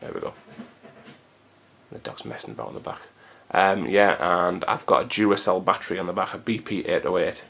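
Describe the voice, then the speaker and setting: Low-pitched but a bit bright, this man's voice is creaky, husky and expressive, running a little fast. As a vlogger, he rambles casually to his camcorder at home, captured by its built-in mic in a hot room.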